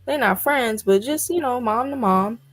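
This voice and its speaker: A woman's voice: on the high side, moderate pace. Emphatic woman podcast co-host. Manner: emphatic, incredulous rhetorical questions. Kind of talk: casual discussion.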